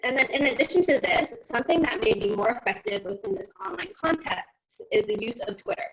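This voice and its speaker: A woman's voice: high-pitched, sing-song, fairly quick, creaky, fairly bright tone, rough recording. A woman giving an online conference presentation, explaining slide by slide, her call audio cutting out with static. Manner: explains slide by slide, starting sentences with "so". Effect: audio cutting out with static on a video call. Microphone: computer mic on a video call.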